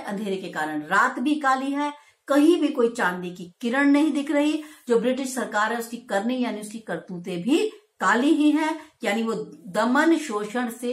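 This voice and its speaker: A woman teaching a school poetry lesson, her voice a little high. She reads each verse slowly and expressively, then explains it in everyday speech. The sound carries a roomy echo. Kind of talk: explaining a Hindi poem to school students.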